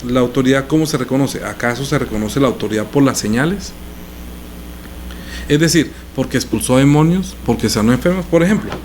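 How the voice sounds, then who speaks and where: A man's voice: mid-range voice, a little fast, darkish tone, slight background noise. A male pastor teaching a sermon in a conversational way, explaining scripture with everyday examples.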